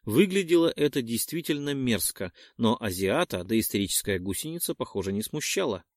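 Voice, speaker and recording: A man narrating an audiobook in an expressive, measured way. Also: mid-range voice, dry recording. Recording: dry close studio sound.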